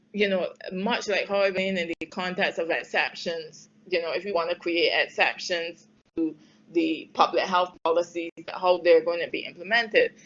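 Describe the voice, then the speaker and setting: A woman from Barbados takes audience questions on trade and health policy in a webinar, answering spontaneously as an expert. Her voice is lowish and the sound lo-fi; she's thoughtful, thinking aloud with many fillers and restarts, and firmly emphatic at points.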